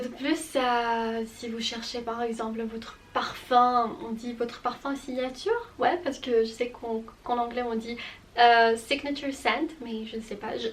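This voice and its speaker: A woman talking softly, as if right in your ear, in a casual ASMR vlog. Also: a little high, far from the mic, a little hiss or hum. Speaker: YouTuber presenting perfumes on her channel. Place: bedroom.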